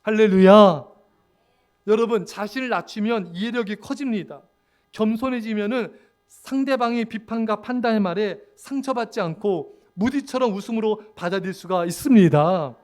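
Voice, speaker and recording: A male pastor preaching a sermon, often calling out to the congregation and acting out quoted lines in a lively way. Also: sits high, moderate pace. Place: church sanctuary.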